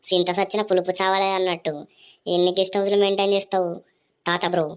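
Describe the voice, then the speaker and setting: A woman voicing a cheeky, fast-talking grandson. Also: mid-range voice, level tone, clean tone. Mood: teasing. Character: cheeky young grandson, mocking and blunt. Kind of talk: cartoon voice acting.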